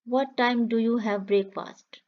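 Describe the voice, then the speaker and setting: Woman, lesson reader, high voice, each line said twice, slow and clear, dull lo-fi sound. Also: steady tone. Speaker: English teacher. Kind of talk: slow repeated phrase reading for learners.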